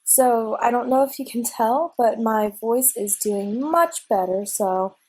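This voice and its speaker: A young let's play gamer recovering from a cold narrates her gameplay from her desk at home, sniffly and chatty, rambling with frequent ums and restarts. Her voice is a little high, measured, darkish in tone with a breathy edge, and the recording is low quality.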